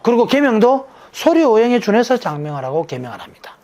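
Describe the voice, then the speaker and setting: A man, a monk, explains his teaching to an interviewer. His pitch rises and falls in lively swings. He often puts a question and then answers it in an emphatic, casual tone. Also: fast, a little hiss or hum. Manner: lecturing, asks rhetorical questions and answers them himself; drops into a casual, emphatic sentence ending. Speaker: Buddhist monk who gives naming advice.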